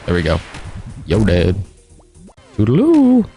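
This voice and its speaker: A man's voice: on the low side, moderate pace, darkish tone, soft background music. A man streaming a video game, chatting casually and joking as he plays. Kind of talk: casual gameplay commentary.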